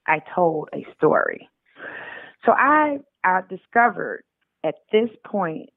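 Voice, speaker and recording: A woman author appears as a guest, reading aloud and chatting informally in an interview. Her voice is fairly low and gravelly with no room sound, though the lo-fi audio is dull and has music behind her.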